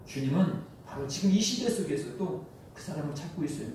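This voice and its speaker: A male pastor preaching a sermon with passion, dropping to a hush and then rising to loud cries. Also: fairly high pitch, animated, brisk, a little hiss or hum. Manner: impassioned preaching, swings from hushed to loud cries. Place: church sanctuary. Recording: very echoey hall, from a distance.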